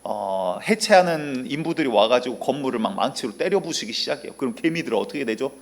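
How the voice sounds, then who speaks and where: A man preaching a sermon as pastor, telling stories in a relaxed, conversational way with many pauses and fillers. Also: medium pitch, gravelly. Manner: conversational storytelling with frequent fillers.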